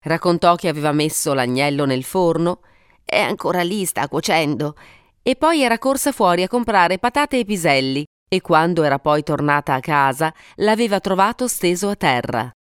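Smooth-voiced woman audiobook narrator. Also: on the low side, no room sound, studio quality. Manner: expressive storytelling with dramatic pauses. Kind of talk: scripted narration.

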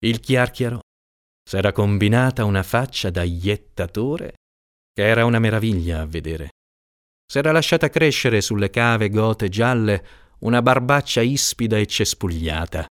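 A man reading a literary short story aloud in an expressive, dramatic way. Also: on the low side, normal speed, dry recording, studio quality. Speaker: narrator.

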